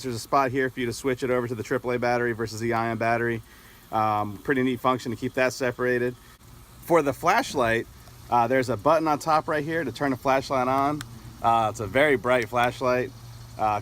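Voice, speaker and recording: Mid-range and fairly bright, this middle-aged American product reviewer speaks casually and a little hesitantly. He's outdoors in a grassy, tree-lined yard, explaining a product.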